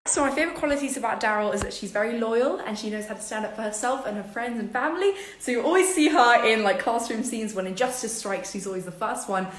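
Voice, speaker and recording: Filming a casual Q&A vlog from her bedroom, a New York teen fields fan questions, bubbly, giggly and talkative, at a quick pace with hardly any pauses. She speaks in a slightly high voice with a mainly British accent tinged now and then by American sounds; the room echoes and there's slight background noise.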